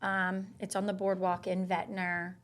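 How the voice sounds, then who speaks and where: A young woman, a guest on a casual podcast, telling stories with animated asides. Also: medium pitch. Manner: animated storyteller, quick asides. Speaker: guest, bridal shop owner.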